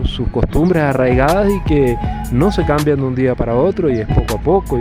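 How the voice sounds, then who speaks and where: Man from Cuba, hesitant interviewee, street recording with loud music. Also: mid-range voice. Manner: hesitant, many fillers and restarts. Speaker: interviewee, doctor.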